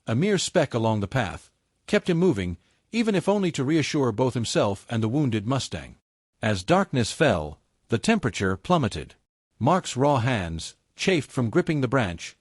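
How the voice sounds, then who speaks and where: A man's voice: medium pitch, no room sound, studio quality. Man narrating a dramatic story.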